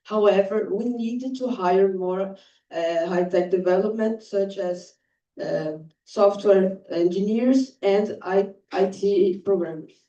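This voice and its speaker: A man presenting his startup team in a halting way. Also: high-pitched, mellow. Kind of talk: pitch presentation. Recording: dull echoey room, distant mic.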